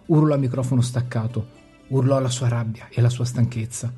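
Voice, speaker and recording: Guy telling a dramatic story, slow and heavy with long pauses, kinda husky. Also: medium pitch, steady tone, mellow, faint music behind. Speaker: narrator.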